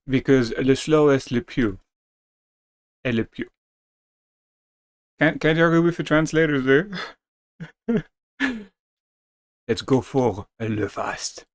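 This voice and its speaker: A video game streamer reads the game's story text aloud as dramatic narration, tossing in playful, casual asides. His voice sits at medium pitch, and there is no echo.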